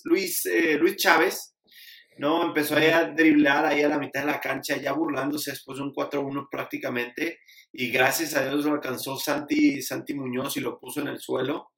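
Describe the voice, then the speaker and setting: A man from Mexico co-hosting a casual sports chat, recounting plays in a relaxed, chatty way with fillers. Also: a little high, normal speed, creaky. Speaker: podcast co-host. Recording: echoey room.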